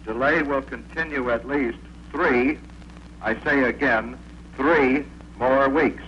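A terse male field agent reads out his report in clipped radio procedure, slow and deliberate. The voice comes back through an old wire recording of a radio link. The recording sounds muffled and thin, with faint hiss behind it. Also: mid-range voice, fairly bright tone. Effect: played back from an old wire recording of a radio transmission.

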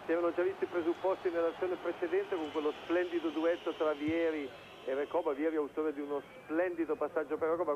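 A man analysing play as a football co-commentator, hesitating and repeating phrases. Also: fairly high pitch. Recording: dull lo-fi broadcast, faint stadium noise. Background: stadium crowd noise.

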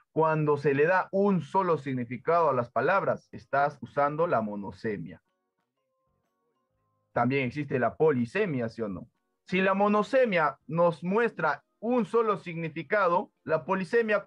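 A man giving a classroom-style lesson, often pausing to ask his listeners whether they follow. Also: on the high side, no room sound. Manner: keeps asking "¿sí o no?" as a check-in, lively teacherly emphasis. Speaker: teacher. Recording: dull dry lo-fi voice with faint music.

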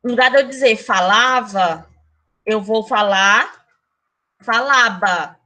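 Bright-voiced woman teaching an online class. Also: fairly high pitch, measured pace. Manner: talks about herself as "a tia", teacherly and chatty; speeds up when excited about grammar. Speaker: Spanish teacher.

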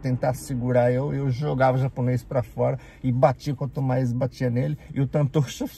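A man from Brazil with a Brazilian Portuguese accent, telling an animated story casually and acting out the people in it. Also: medium pitch, normal speed, gravelly, slight background noise. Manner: animated, acts out the people in his stories. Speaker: vlogger.

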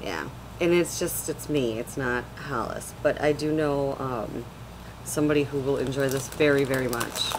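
Low-voiced woman rambling on webcam. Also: moderate pace, background noise. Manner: chatty, rambling, many fillers. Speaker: vlogger. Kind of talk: casual product haul chat. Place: small room at home, indoors. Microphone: webcam at desk.

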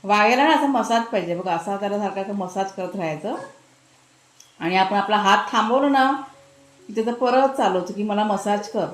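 A woman's voice: medium pitch, moderate pace, faint music behind. A woman with a Marathi accent vlogging from her village home in casual chat and fussing over her dogs in doting baby talk. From Maharashtra, India. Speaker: family vlogger.

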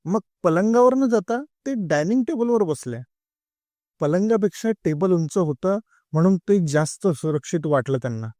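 A man narrating a comic story in an unhurried, expressive reading. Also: high voice, no echo, clean studio sound.

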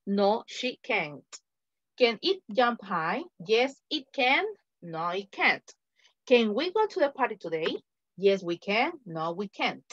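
In an online English grammar class, a woman with a Latin American Spanish accent patiently and slowly goes over example answers again and again. She speaks at a medium pitch with a sing-song, fairly bright quality; the recording is dry and lacks high frequencies.

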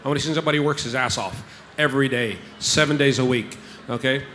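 A man's voice: medium pitch, fast talker, fairly bright tone, slight background noise. Emphatic male investor on a panel. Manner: emphatic, repeats points, checks with "okay?". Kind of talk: panel discussion. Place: stage in a large tent with an audience. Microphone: handheld mic.

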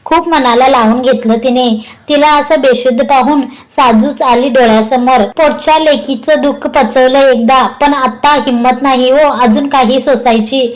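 A woman's voice: sits high, fairly even intonation, normal speed, natural voice, poor audio. A woman voicing a grieving, worried older mother who talks in a sorrowful, confiding way.

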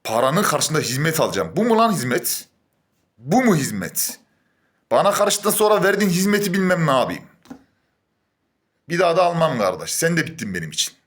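A young man venting in an angry monologue, heated, swinging between low muttering and a raised voice, full of oaths. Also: big pitch swings, a little fast, a bit bright. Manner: swears oaths often. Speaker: gym-goer venting on camera.

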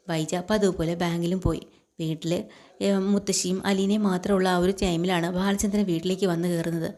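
Lady narrating a tv serial story, chatty, lowish mellow voice. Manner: conversational narration, voicing characters' lines in passing. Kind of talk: retelling a TV serial episode.

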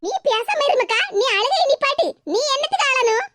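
A woman's voice: very high-pitched, big pitch swings, fairly quick, background noise. A woman voicing a bossy older aunt and mother-in-law in a cartoon, scolding and domineering, with a Tirunelveli Tamil accent.

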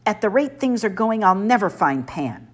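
A woman's voice: mid-range voice, very animated, moderate pace, pitched above the performer's own voice. A woman voicing an earnest, plaintive young male satyr in an audiobook. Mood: indignant.

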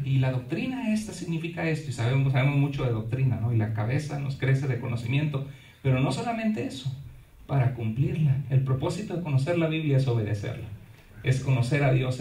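Give me a pastor preaching with lots of rhetorical questions, his higher voice echoing through a hall. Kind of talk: sermon. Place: church hall. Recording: echoey hall, mic far off.

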